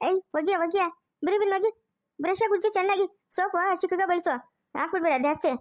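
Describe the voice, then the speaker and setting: In a cartoon dub, a woman with a very high-pitched, brisk voice plays a harsh, scheming middle-aged village aunt, barking orders in a scolding mood.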